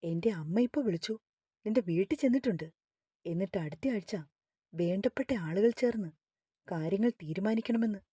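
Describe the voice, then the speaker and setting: A furious, arrogant young boss snaps out harsh, contemptuous scolding, as a woman reads him in her own voice. The tone stays dark and husky. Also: medium pitch, moderate pace, pauses often, dry recording, studio quality, natural voice. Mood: angry.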